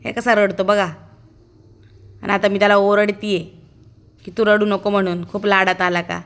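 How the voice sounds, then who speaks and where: A woman's voice: mid-range voice, flat delivery, moderate pace, fairly bright tone. A woman giving a chatty, amused running commentary as a casual vlog voice-over, narrating as the child's aunt.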